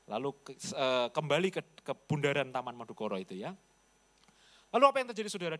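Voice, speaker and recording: A male pastor preaching a sermon, telling a personal story with animated delivery, acting out the voices of others and often addressing the congregation. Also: fairly high pitch.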